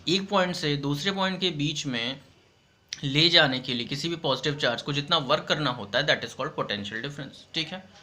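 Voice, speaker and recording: A man teaching a school science lesson, explaining patiently, mixing in English and reading textbook definitions slowly. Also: a little high, sharp tone. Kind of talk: online classroom lesson.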